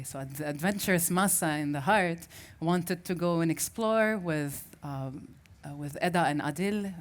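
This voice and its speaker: Speaking at a festival, a woman from Syria, a native Arabic speaker, tells a reflective story from her own life in a low-pitched voice, frequently starting over while she hunts for the right words.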